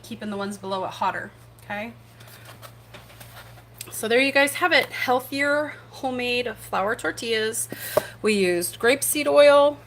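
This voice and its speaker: Bright-voiced chatty woman cooking at home. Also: a little high, a little hiss or hum, low-quality recording. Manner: chatty, rambling, self-deprecating. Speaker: cooking show host. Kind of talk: casual home cooking livestream. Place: home kitchen.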